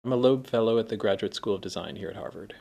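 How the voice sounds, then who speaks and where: A man from New York State answering in a relaxed interview, pausing thoughtfully with fillers. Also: on the low side, creaky. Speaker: fellow sharing his experience.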